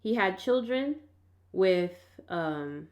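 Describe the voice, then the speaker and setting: A woman chatting casually and arguing her point in an insistent, colloquial, animated way. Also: mid-range voice, very slow. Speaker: vlog host. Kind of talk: casual argumentative chat.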